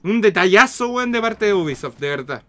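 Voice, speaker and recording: A man with a Chilean accent giving casual, slangy, foul-mouthed and excitable commentary as he streams a video game. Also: sits high, a little fast. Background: game music.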